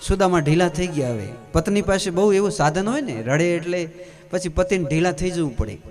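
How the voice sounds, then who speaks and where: A man telling a devotional story as a sermon, animated, with asides to the listeners. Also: sits high, brisk, music in the background.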